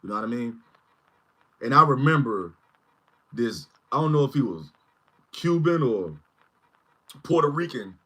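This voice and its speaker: Husky-voiced man in his forties. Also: mid-range voice, sing-song, unhurried, pauses often, pushed and bright. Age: 40s. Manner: rambling, keeps asking "you know what I mean". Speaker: channel host. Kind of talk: casual livestream talk.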